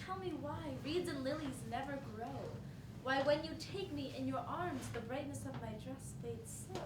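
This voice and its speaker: A wistful young woman in love recites poetry in a high, lilting voice, played by an actress on stage. Her lines swoop widely in pitch. The recording is echoey and distant, with clear room noise. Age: young adult. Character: young woman lover, lyrical and longing. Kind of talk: stage play acting. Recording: echoey noisy stage from far off.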